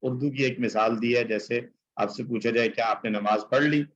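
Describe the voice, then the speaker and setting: A man's voice: mid-range voice, a bit bright, muffled recording. A male teacher giving an explanatory lecture, reciting Arabic verses and translating them, with many filler phrases.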